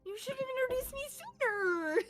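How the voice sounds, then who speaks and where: A woman plays a chatty, cheeky newcomer with a high, bright voice. The talk is slangy and rambling, a modern character in a tabletop game. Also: sing-song, brisk, faint music behind, full character voice. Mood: friendly, chatty.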